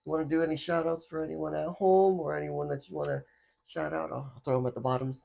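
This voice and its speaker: A man from Florida hosting a casual podcast chat, animated and laughing, with lots of filler words. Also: a little high, fast, vocal fry, lo-fi sound. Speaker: podcast host.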